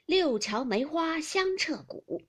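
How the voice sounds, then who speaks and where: A woman voicing a jovial, commanding elderly noble grandmother in a storybook reading, speaking in a merry, unhurried way. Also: high-pitched, expressive, a bit bright, pitched above the performer's own voice, full character voice. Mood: playful. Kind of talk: audiobook character reading.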